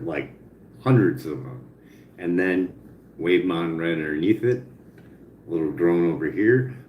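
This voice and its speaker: A man with speech slurred by missing teeth, rambling casually and repetitively with some swearing, as if thinking out loud. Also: low voice. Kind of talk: casual spoken brainstorming to an AI chat. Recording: roomy echo, faint background noise.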